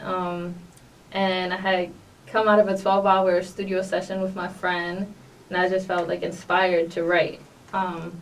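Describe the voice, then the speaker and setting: A lowish, level voice, a little slow, belongs to a young New York woman appearing as a guest artist on a podcast. The interview is casual, her chatter upbeat and packed with fillers, and the distant mic carries faint noise.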